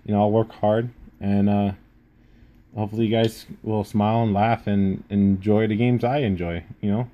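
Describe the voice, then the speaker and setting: This man has a lowish, steady voice and a lisp that stretches and slightly slurs his S sounds. A gaming YouTuber, he introduces himself in a rambling, self-deprecating vlog filmed to camera at home. The lo-fi recording carries noticeable room noise.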